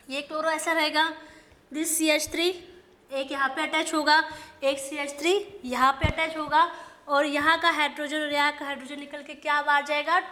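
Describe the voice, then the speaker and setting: A woman's voice: high-pitched, bright, forceful tone. A woman teaching an online chemistry lesson, mixing Hindi and English, asking and answering her own questions. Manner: dictates slowly in English, quick in Hindi.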